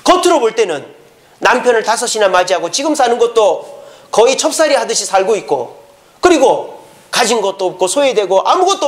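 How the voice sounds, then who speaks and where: A man preaching a sermon as pastor, humorous and animated, asking the congregation rhetorical questions and chuckling between points. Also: sits high.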